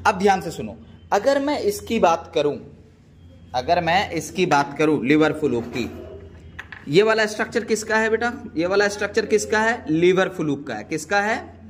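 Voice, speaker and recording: A man's voice: sits high, sing-song, moderate pace. A man teaching biology, quizzing his students with repeated questions and calling them "beta.". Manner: calls students "beta" affectionately. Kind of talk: classroom lecture.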